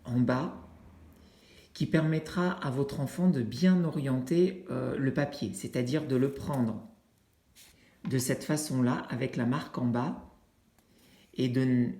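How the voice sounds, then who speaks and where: A teacher walks parents through a learning game for young children, taking their time and pausing often with fillers. The voice is mellow and unhurried. The room around it is roomy and echoey, as if it were recorded indoors on a simple setup. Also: mid-range voice. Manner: unhurried, with frequent hesitations and fillers; demonstrates with objects while talking. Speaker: teacher explaining an activity to parents. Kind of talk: instructional video for families.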